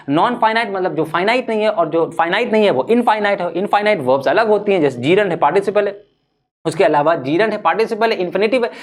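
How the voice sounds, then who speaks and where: Man teaching with lively rhetorical questions. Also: sits high. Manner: lively, asks rhetorical questions and answers them; mixes English terms into Hindi speech. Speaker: English teacher. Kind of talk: online class talk.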